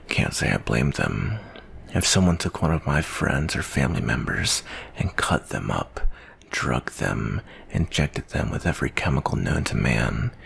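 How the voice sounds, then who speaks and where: In an ASMR roleplay monologue, a man voices a jaded, guilt-ridden soldier who hunts monsters, speaking slowly, broodingly and wearily. His full character voice is gravelly and husky, pitched extremely low with a slightly bright tone.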